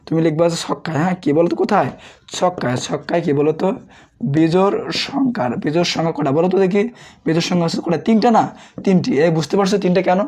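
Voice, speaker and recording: Young guy math tutor, sore throat, husky voice, rattles through it quick, keeps asking then answering himself. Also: a little high, a little mellow. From Bangladesh. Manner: quizzing students, answering his own questions. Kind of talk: fast online revision class.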